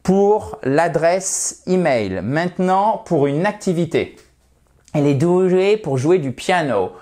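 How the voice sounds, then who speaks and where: A man's voice: a little high, expressive, slow, mellow. A man teaching English in an online video lesson, explaining patiently step by step and addressing viewers as dear friends.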